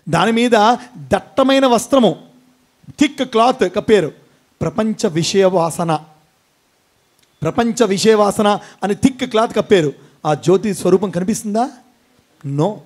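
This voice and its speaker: An Indian devotional speaker preaches a fervent sermon to a gathering in a voice high for a man but darkish in tone. He chants long chains of epithets, keeps quizzing his listeners, and occasionally breaks into chants and call-outs.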